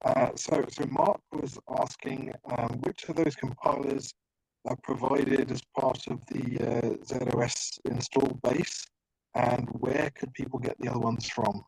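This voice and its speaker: Guy reading out questions, lots of ums, gravelly, dry. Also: mid-range voice, steady tone, darkish tone, dry recording, low-quality recording. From United Kingdom. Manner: hesitant, fills pauses, friendly. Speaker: session moderator. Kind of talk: moderating Q&A.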